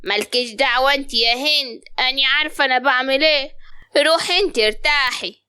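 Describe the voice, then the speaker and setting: Bossy upper egyptian mother-in-law, bright high voice, always barking orders, a woman acting her. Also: quick pace, clear, resonant tone, no room sound. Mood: scolding. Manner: scolding, commanding.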